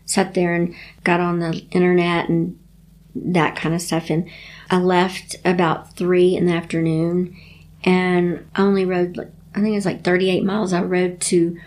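A woman telling her story in a casual interview, animated and laughing often. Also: measured pace. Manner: animated, laughs often, acts out quotes in a high voice. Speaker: guest.

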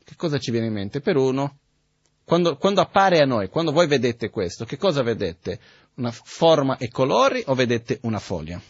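Husky-voiced man giving a Buddhist teaching. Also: mid-range voice, big pitch swings, moderate pace, no room sound, muffled recording. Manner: conversational, checks in with the audience often. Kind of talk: spoken dharma teaching.

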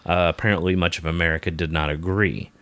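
A man co-hosting a podcast, giving his take on a film in a relaxed, casual way with wry asides. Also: deep voice, quick pace. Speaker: podcast co-host reviewing a film. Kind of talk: casual conversation.

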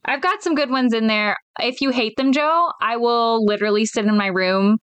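A woman's voice: on the high side, normal speed, a bit bright, clear, resonant tone. A young woman playing a tabletop game, laughing and self-conscious as she banters with friends. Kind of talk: casual banter between players.

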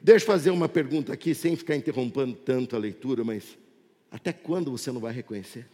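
A man preaching a sermon in a church, shifting from loud emphasis to quiet asides and repeating rhetorical questions. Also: mid-range voice, quick pace. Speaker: pastor. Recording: long church reverb.

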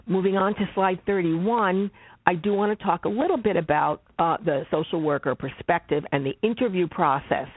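A social worker giving a slide presentation in a measured, deliberate way, stressing key words by repeating them. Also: mid-range voice. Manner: measured, deliberate, emphatic repetitions. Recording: phone-like narrow band.

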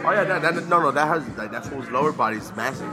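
A man with a slightly high voice chats casually on a podcast, with music playing clearly behind him. He talks in loose slang and keeps up a joking, boastful banter. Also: fast. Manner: slangy, says bro constantly; jokey, boastful. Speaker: podcast co-host.

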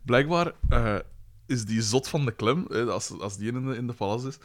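Joking man in his thirties. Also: medium pitch. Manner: joking, fast-talking gossip. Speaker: podcast co-host. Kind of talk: casual chat.

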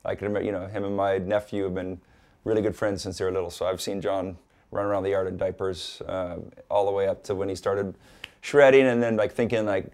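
A man from Hawaii, a guest in a casual interview, talking in a relaxed, rambling way with lots of "like" and "you know.". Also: low voice, fairly quick.

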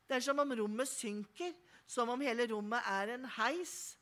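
A woman with a slightly high voice reads a children's story aloud. She tells it expressively and playfully, lifting her voice for the characters' lines. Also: a bit bright. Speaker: reader. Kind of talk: reading a children's book aloud.

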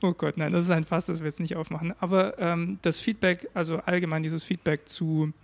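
A man's voice: on the high side, little pitch movement, fairly quick, gravelly. A man co-hosting a podcast in casual chat, with a dry, teasing manner. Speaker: podcast co-host.

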